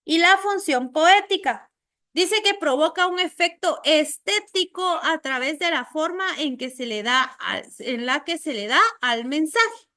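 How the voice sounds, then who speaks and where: A woman's voice: high voice, a little slow. A woman teacher lecturing a class, explaining with everyday examples and often checking in with "¿verdad?". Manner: acts out little quoted scenes in lively voices.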